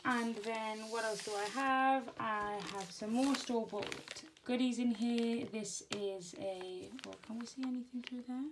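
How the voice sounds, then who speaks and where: A woman's voice: a little high, fairly even intonation, measured pace, few pauses. Casual crafting vlogger, woman, rambling and self-correcting, noisy room with handling clicks. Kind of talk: casual chat while packing a gift box. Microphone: camera on tripod. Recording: clear background noise and handling clicks.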